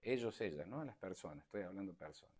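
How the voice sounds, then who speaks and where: A man gives an informal lecture to an online audience over a video call, speaking fast in a low, darkish voice with lively intonation. His talk is conversational, repetitive and emphatic.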